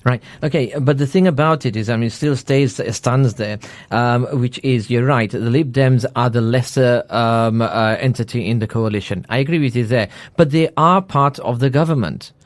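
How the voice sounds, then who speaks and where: A man's voice: mid-range voice, moderate pace, few pauses, dry recording. Dry, pressing male radio interviewer. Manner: pressing, repeats the question, fills with uh and sorry. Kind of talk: probing political interview. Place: radio studio.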